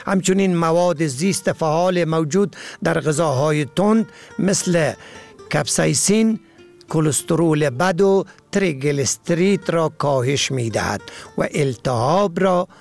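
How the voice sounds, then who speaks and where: A man with an Afghan Dari accent reading a scripted radio program, slow and careful, spelling words out letter by letter. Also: a little high, vocal fry, faint music behind. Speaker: radio presenter.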